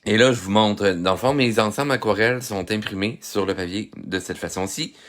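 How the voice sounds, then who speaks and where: A man's voice: on the low side, brisk, fairly bright tone. A man with a Québécois accent, a little stuffy from a head cold, chatting through a casual live art tutorial and greeting viewers by name. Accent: Québécois French. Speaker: art instructor hosting a live stream. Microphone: phone.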